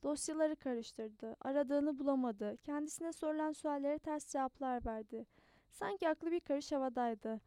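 A woman narrating a novel aloud in a steady, measured storytelling manner. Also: high voice, no room sound. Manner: steady, measured storytelling with occasional small restarts. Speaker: audiobook narrator.

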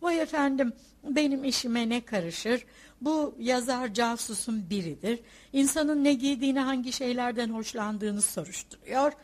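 A woman voicing an indignant, touchy provincial lady who complains in a shrill, huffy way in a storybook reading. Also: normal speed, natural voice.

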